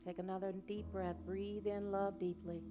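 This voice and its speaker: A woman minister leading a congregation in prayer and guided meditation, speaking slowly and soothingly. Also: medium pitch, level tone, lo-fi sound. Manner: slow, soothing, gentle. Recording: music playing behind the voice.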